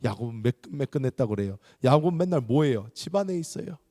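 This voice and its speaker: A male pastor talks fast in a mid-range voice, preaching a sermon full of stories and acting out the voices of those in them. Studio quality, the recording captures the echo of the large church sanctuary.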